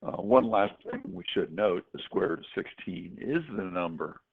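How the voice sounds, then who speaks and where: In a tinny lo-fi recording with faint noise, a man with a low voice and vocal fry teaches a worked-example math lesson at a moderate pace. His tone stays steady as he works through problems step by step, adding casual asides.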